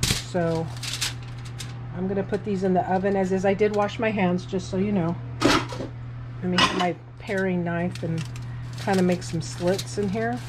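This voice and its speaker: A woman cooking in her home kitchen films on a handheld phone and casually talks through a recipe, narrating each step in a chatty way. Her medium-pitched voice has fairly even intonation, a little slow, with long pauses. There's background noise in this home cook vlogger's casual demo.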